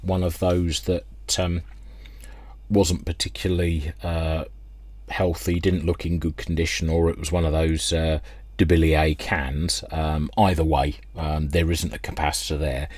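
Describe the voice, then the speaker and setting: Speaking at an extremely low pitch, a British man keeps a level tone and measured pace while presenting a radio restoration video from his workbench. His voice is a little mellow with a breathy edge, and he thinks aloud hesitantly, without a script, in a close, dry indoor recording.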